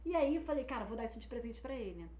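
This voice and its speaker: A woman in her thirties tells a story at a brisk clip, jumping into lively voices for everyone she quotes. Her voice sits a touch high. The room is echoey, with a faint hiss behind. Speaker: guest. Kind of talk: storytelling in casual chat.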